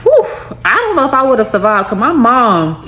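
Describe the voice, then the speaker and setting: Animated woman telling a storytime. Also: normal speed. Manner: animated, jumps into high-pitched quoted voices. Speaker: storytime creator. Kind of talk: casual storytime monologue.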